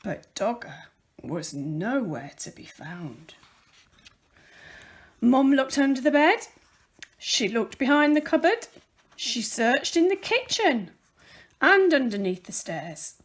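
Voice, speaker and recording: A woman with a slightly high voice reads a picture book aloud for children as a volunteer storyteller. She goes slowly, pausing often, and emphasizes the words carefully and expressively.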